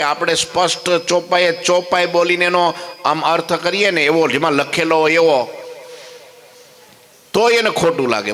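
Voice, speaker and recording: A man telling devotional stories in a sermon, his delivery swinging between loud exclamations and soft quoted speech. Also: fairly high pitch. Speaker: preacher telling scripture stories. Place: temple hall. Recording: long hall reverb.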